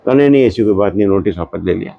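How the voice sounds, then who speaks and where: Gravelly guy telling a story in an interview, does all the voices himself, dry close sound. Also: on the low side, racing, dry recording, dull audio. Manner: lively anecdotal storyteller acting out dialogue. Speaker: interview guest. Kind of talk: storytelling in casual conversation.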